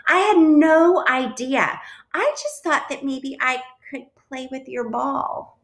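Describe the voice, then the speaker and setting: A woman's voice: sits high, takes it slowly, a bit bright, voice pushed up, heavily acted. A woman voicing a small, playful female bluebird who talks in an eager, apologetic way. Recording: roomy echo.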